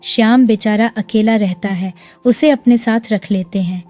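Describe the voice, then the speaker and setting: A woman's voice: mid-range voice, moderate pace, warm tone, natural voice. A woman voicing an earnest elder son. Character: grown man, elder son, torn between wife and mother. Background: faint music.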